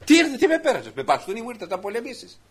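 A man voicing a scornful, boastful giant male warrior who taunts in a raised, higher voice. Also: wildly swooping pitch, breathy edge, full character voice. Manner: taunting, loud and high-pitched.

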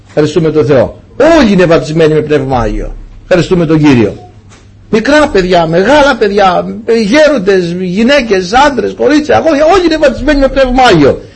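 A man preaching a sermon to his congregation, swinging between loud exclamations and hushed lines. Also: a little high, breathy edge.

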